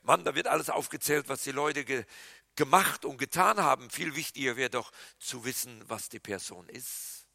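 A man preaching a sermon as pastor, animated, with loud emphatic lines that drop to hushed quiet passages. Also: mid-range voice, normal speed, gravelly, dry recording.

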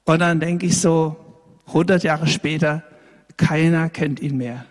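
A man preaching a lively, conversational sermon to a congregation, speaking to them directly and often checking in with them. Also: on the high side, measured pace, big-room sound. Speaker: pastor. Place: church hall.

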